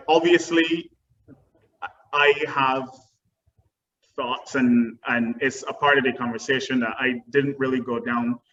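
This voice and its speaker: With a medium-pitched voice that sounds pushed and bright, a young man from Barbados answers webinar questions as a guest dance teacher, earnest and full of ums. He's on a video call, and the audio is dull and distant with faint noise.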